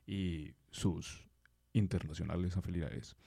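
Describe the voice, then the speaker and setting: A man, a musician guest in a casual podcast chat, relaxed and jokey. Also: deep voice, measured pace, creaky, husky. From Mexico.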